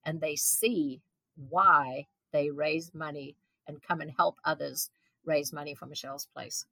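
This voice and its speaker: In a dry recording, a woman with a low-pitched voice speaks unhurriedly in a steady yet sharp tone. She is a South African guest in her seventies, an event organizer, earnestly answering interview questions with many ums and restarts.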